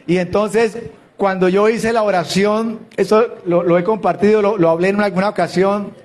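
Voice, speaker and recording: A man's voice: high-pitched, fairly even intonation, moderate pace, a little mellow. A man preaching a sermon, telling a story with earnest repetition and fervent quoted prayers. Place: church sanctuary.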